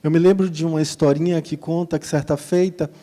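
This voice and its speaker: A man with a Brazilian Portuguese accent explains spiritist treatment in a measured, teaching way. His voice is slightly high for a man and dark in tone, and it carries a long hall reverb. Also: fairly even intonation. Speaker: spiritist lecturer answering questions. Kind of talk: religious lecture, answering a question.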